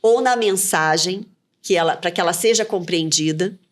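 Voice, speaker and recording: A woman's voice: on the low side, normal speed. A woman, a communication mentor being interviewed, who gives advice in short, firm phrases. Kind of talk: conversational podcast interview.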